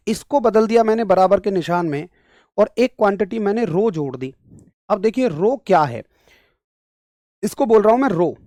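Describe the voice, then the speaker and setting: A physics teacher with a high but darkish voice gives an online class lecture, recorded dry and close with no room sound. He is emphatic, first scolding and then explaining step by step, speaking directly to his students and repeating key points.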